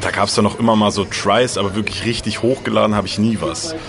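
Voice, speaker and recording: A young man with a deep voice, talking casually as a gaming YouTuber, with slang and English loanwords. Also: fast, creaky, music in the background. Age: young adult. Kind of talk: casual interview talk.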